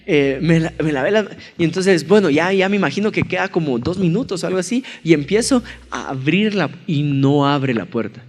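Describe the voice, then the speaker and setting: A male pastor preaching a sermon, telling a funny personal story and acting out the scenes with lively energy. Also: fairly high pitch, brisk, few pauses. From Colombia. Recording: church hall reverb.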